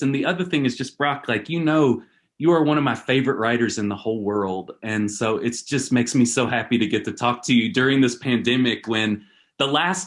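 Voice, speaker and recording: Man, author guest, casual chat, lots of likes and ums, video call. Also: medium pitch. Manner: rambling, full of fillers. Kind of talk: casual conversation.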